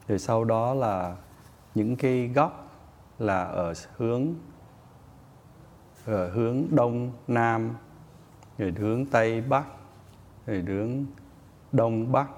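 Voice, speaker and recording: Male meditation teacher giving a calm, measured dharma talk at a retreat. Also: medium pitch. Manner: slow, measured teaching with Pali terms. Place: meditation center.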